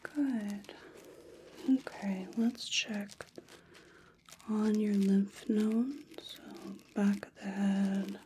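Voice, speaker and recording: Slow, whispered role-play by woman. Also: medium pitch, steady tone, a little hiss or hum. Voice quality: soft, breathy whisper. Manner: folksy, chatty small-town bedside manner. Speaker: ASMR performer playing a small-town clinic examiner.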